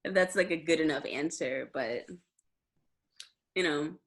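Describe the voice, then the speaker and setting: A woman's voice: low-pitched, unhurried. A young adult woman, a musician guest on a video call, chatting casually with lots of fillers and restarts. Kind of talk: casual interview chat.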